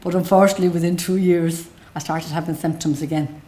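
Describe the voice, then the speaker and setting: Low, mellow west of Ireland woman. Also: fairly even intonation, fast talker. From Galway, west of Ireland. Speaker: patient telling their own story. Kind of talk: unscripted personal account.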